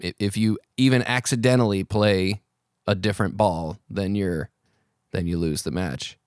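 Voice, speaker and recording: A man's voice: lowish voice, moderate pace, darkish tone, clean tone, no echo, clean studio sound. A man co-hosting a movie podcast in casual chat, wry and jokey, often answering in short asides. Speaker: podcast co-host. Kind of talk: casual film review chat.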